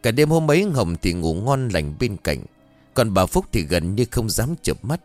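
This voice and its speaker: Male storyteller, animated delivery, dry close sound. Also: lowish voice, normal speed, no echo, soft background music. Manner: dramatic, expressive storytelling. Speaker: narrator. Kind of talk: scripted story narration.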